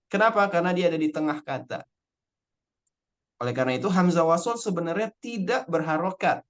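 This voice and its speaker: A young male Arabic teacher explains spelling rules patiently, step by step, and repeats the key words so students keep up. His voice sits a little higher than most men's, and now and then he slows to recite a verse in a measured chant. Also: fairly bright tone, muffled recording. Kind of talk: online Arabic spelling lesson.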